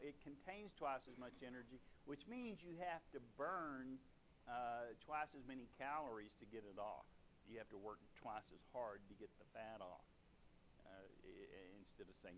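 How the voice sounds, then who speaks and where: Male lecturer, middle pitch, lively and rambling in a classroom, faint background hiss. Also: rough recording. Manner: animated, rambling, self-mocking tangents. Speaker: biology teacher. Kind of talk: classroom lecture with chatty asides.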